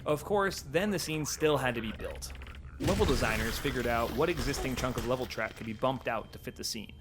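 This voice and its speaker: A man giving scripted developer commentary on a video game, with a measured, explanatory read. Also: medium pitch, noisy background.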